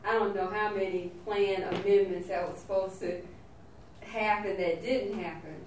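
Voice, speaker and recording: A woman's voice: mid-range voice, fairly even intonation, normal speed, a little mellow. A woman with a Southern Alabama drawl, explaining things as a staff member at a board meeting. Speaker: housing authority staff member. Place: indoor meeting room. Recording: echoey room, distant mic, faint noise.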